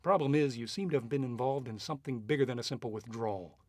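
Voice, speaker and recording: This man's medium-pitched, slightly mellow voice goes at a quick pace with light acting and no room sound. He voices a hard-boiled private eye in a radio drama, shrewd and cynical, both narrating and interrogating noir-style with a cool, probing air.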